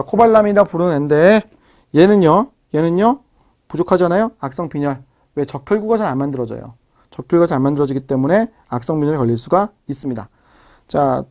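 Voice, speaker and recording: Quick, slightly high-voiced male teacher; drills terms by repetition and checks in with students. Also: darkish tone. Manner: explains step by step, repeats key terms, checks in with tag questions. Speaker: biology lecturer. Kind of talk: recorded exam-prep lecture.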